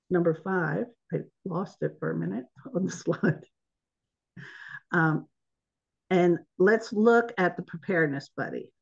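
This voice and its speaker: A woman's voice: lowish voice, gravelly, a little mellow. A woman giving an informal online presentation, chatty and laughing at her own slip-ups, heard over a video call. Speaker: webinar presenter. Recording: dull lo-fi webinar audio.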